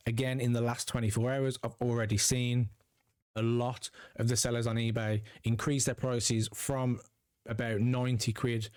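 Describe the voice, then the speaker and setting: This man runs a trading card channel and speaks to viewers in a relaxed, upbeat, chatty way, addressing them directly. His voice is medium in pitch with a darkish tone, in studio quality with no room sound.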